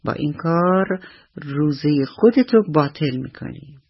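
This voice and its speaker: A gentle storybook mother, voiced by a woman narrator. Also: deep voice, expressive, breathy edge, full character voice. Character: gentle, patient mother teaching her daughter. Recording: dull lo-fi radio recording.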